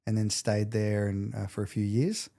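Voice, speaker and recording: Gravelly, dark, and on the low side, this man's voice has a flat delivery at a moderate pace. He's an Australian from Adelaide in his late forties, appearing as a podcast guest and chatting casually, candidly, and with jokey self-deprecation.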